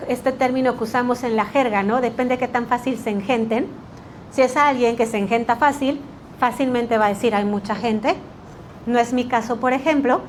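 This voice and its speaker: Woman running a workshop, high voice, energetic, keeps asking the class questions. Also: slight background noise. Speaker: litigation workshop instructor. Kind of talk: workshop lecture.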